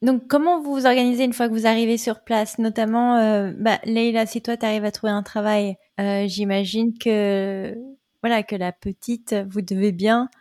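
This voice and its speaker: Woman host asking gentle questions. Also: on the high side, fairly even intonation, moderate pace, dry recording, clean studio sound. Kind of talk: interview questions.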